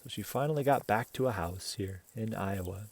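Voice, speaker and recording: A fairly low-pitched man reads a children's picture book out loud, animated like a storyteller. Every so often he stops for a relaxed aside or a question to the listener.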